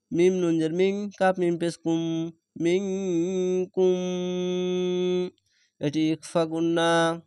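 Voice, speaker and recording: A man from Bangladesh with a Bangladeshi Bengali accent teaches Quran reading in a slow spelling-out lesson, going letter by letter and syllable by syllable before reciting each full word. His voice is a little high, darkish, clear, and resonant. The recording is dry and of studio quality.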